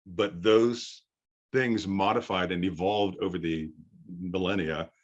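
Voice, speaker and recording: Middle-aged man, low deep firm voice, voice coach, explanatory, thoughtful pauses, slightly muffled recording. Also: fairly even intonation. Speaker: voice acting coach. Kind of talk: informal workshop lecture.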